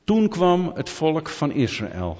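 A man's voice: fairly high pitch, sing-song, slow pace, a little mellow. A man preaching a sermon, emphatic and firing rhetorical questions at his listeners. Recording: long reverb, dull lo-fi sound.

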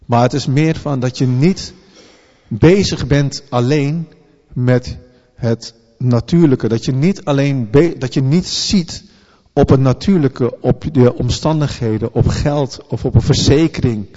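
A man preaching a sermon in an earnest, halting way, often restarting his words. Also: mid-range voice, mellow. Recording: long hall reverb, dull lo-fi sound.

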